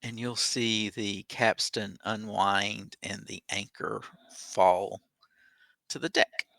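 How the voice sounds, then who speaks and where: A man's voice: lowish voice, fairly even intonation, slow, vocal fry, pushed and bright, no room sound. A man narrating a tabletop game as its game master.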